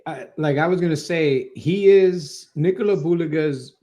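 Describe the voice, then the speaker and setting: A man's voice: on the high side, moderate pace, dark tone. A male panelist in a casual chat, slangy and emphatic, dwelling on his points. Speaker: podcast panelist.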